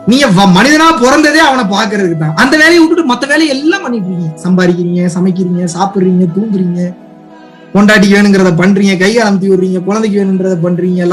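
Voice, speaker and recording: A man with a very high voice gives a spiritual talk, pressing listeners with one rhetorical question after another. He swings from loud, pleading urging to soft asides. Faint music plays behind him. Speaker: spiritual teacher. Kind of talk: impassioned spiritual talk to viewers.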